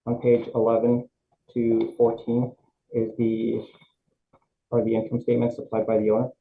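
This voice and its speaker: A man testifying as an assessor at a review board over a video call, halting, with many fillers and restarts. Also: medium pitch, completely flat delivery, gravelly. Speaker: city assessor presenting at a hearing. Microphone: remote video call, microphone held close. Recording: tinny video-call audio with faint hiss.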